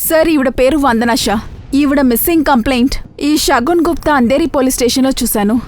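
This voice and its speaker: A woman dubbing a police officer who reports crisply to her superior. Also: high-pitched, fast talker, a little mellow, faint music behind, close to an everyday voice. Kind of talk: dubbed TV crime drama.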